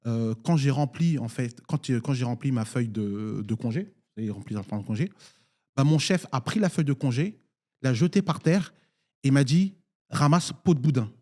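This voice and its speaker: A man's voice: medium pitch, animated, moderate pace, mellow. A man from Nigeria, a municipal councillor speaking in a political debate, hesitant with many fillers and restarts.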